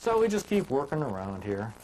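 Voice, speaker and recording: A man teaching woodcarving in a relaxed, homespun storytelling manner, chatting with filler words as he works. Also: mid-range voice, fairly quick, a little hiss or hum, poor audio. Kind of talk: folksy storytelling while demonstrating carving.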